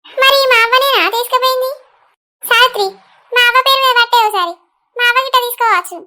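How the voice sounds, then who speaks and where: A frantic squeaky cartoon granny. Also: female voice, quick pace, sharp tone, full character voice. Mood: worried. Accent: Telangana Telugu. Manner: anxious, pleading. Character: worried village grandmother searching for her grandson.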